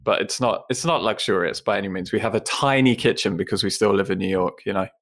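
A man's voice: on the low side, quick pace, a bit bright. A man in his thirties from Essex with an English accent, chatting casually and self-deprecatingly as an interview guest. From England (Essex). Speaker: podcast guest.

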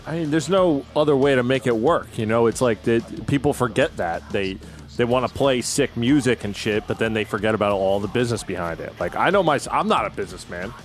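A man's voice: medium pitch, lively intonation, a little fast, soft background music. A man co-hosting a podcast, chiming in bluntly with swearing and emphatic remarks. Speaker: podcast co-host. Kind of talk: casual chat.

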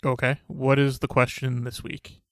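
A young man hosting a podcast, talking in a dry, monotone, sarcastic way. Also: mid-range voice, normal speed, no room sound. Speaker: podcast host. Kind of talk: casual podcast banter.

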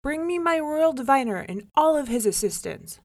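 A woman voicing a commanding king in a folk tale, loud and quick to anger. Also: animated, no echo, studio quality. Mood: furious. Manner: booming, commanding.

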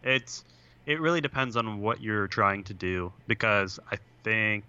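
A man's voice: on the low side, pushed and bright, clean tone, highs cut off. Rambling young man on a video call. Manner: rambling, full of "like" and "uh". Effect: video call audio that breaks up. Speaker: podcast co-host. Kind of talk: casual chat. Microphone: computer on a video call.

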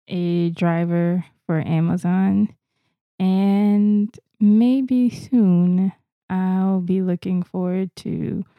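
A woman's voice: medium pitch, no room sound, lo-fi sound. A woman from Florida with an American accent, chatting casually as a podcast co-host. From Florida, United States. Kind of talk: casual chat, self-introduction.

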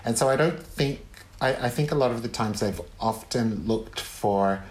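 A man who is a guest author on a casual podcast interview, rambling with halting restarts and frequent ums. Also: mid-range voice.

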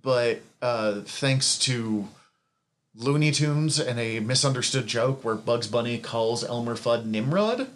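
A man's voice: mid-range voice, lively intonation, slow pace, fairly bright tone. A man co-hosting a podcast, recapping comic book history in a rambling, self-correcting way with chuckles at his own asides.

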